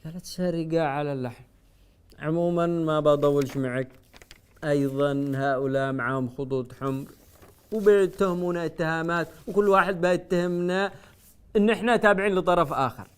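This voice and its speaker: A man with a Yemeni accent hosting a satirical comedy show, mocking and sarcastic, swinging between loud outbursts and hushed asides. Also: on the high side, fairly even intonation, brisk, clean tone.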